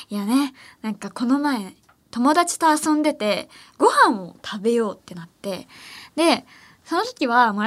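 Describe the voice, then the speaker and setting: A woman's voice: on the high side, a bit bright. A young woman hosting a late-night radio show, chatting casually in a playful, teasing way and laughing often. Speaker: radio host. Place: radio studio.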